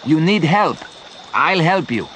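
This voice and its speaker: A man's voice: a little high, animated, takes it slowly, fairly bright tone, slight background noise, pitched above the performer's own voice. A man reading a storybook, voicing a firm, helpful man with a raised voice.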